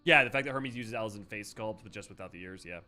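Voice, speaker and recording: Bright-voiced man giving casual game commentary. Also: on the low side, quick pace, faint music behind. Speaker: game streamer.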